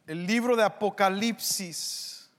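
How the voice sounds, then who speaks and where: High-voiced preacher, slow and echoey. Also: male voice. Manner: animated storytelling with vocal sound effects. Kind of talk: sermon.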